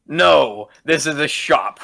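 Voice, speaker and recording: A man voicing a huge, gruff male shopkeeper who talks loudly and bluntly. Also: fairly high pitch, lively intonation, slow, no echo, studio quality, voice pushed up, exaggerated voice. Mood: firm. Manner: loud, blunt, businesslike.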